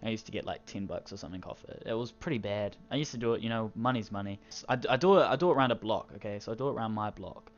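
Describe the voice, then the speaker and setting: A man's voice: on the low side, racing, hardly any pauses. A teenage man casually telling a crude, rambling story, swearing constantly. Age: teens. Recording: dull lo-fi recording with faint music.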